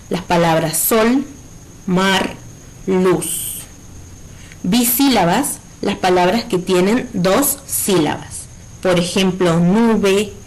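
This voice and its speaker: A woman's voice: mid-range voice, poor audio. A woman primary school teacher giving a recorded virtual lesson, explaining patiently and checking in with her pupils.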